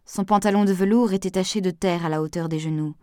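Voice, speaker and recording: A woman narrating an audiobook in a measured, expressive way. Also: on the low side, dry recording.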